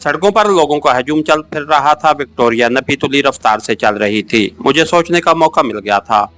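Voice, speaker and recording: A man narrating a first-person adventure novel as an audiobook, in a steady, measured storytelling manner. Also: mid-range voice, faint music behind.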